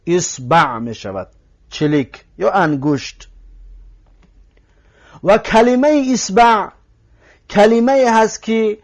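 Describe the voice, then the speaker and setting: A man with a Tajik accent teaches a recorded language lesson in a fairly high voice. He says each new word several times, slowly and carefully. He often stops to ask his listeners if they are following. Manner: patient, repeats words slowly to drill them; addresses listeners directly, asks if they follow.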